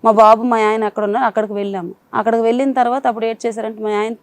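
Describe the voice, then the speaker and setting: A woman's voice: a little high, level tone, racing, no echo. A woman telling a panel of counsellors about her marriage, in a rambling, polite way. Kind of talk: emotional account to counsellors.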